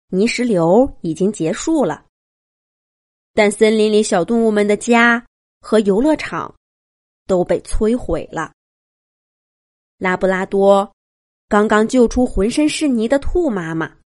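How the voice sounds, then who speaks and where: A woman reading a children's story aloud in a gentle, expressive storytelling way. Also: fairly high pitch, dry recording, clean studio sound. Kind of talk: bedtime story narration for children.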